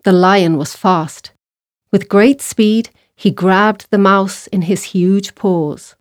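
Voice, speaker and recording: A woman reading a children's story aloud for a language exercise, clear and measured. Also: mid-range voice, no echo, studio quality. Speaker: narrator.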